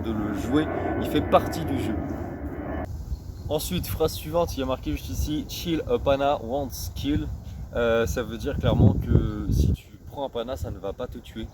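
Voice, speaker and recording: A man talks through a topic in an easy vlog manner, pausing often and repeating words as he looks for the right phrasing. His voice sits at an ordinary middle pitch, and he handles English phrases with slow, self-conscious care. A faint noise hums behind him. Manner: hesitant and searching for words, often repeating himself. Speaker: street football vlogger. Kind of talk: casual explanatory vlog.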